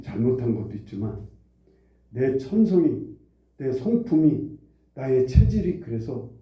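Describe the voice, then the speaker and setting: Emphatic Korean pastor preaching in a roomy church. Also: male voice, mid-range voice, recorded from a distance, lo-fi sound. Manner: emphatic, repeats phrases, asks the congregation questions. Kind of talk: sermon. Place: church sanctuary.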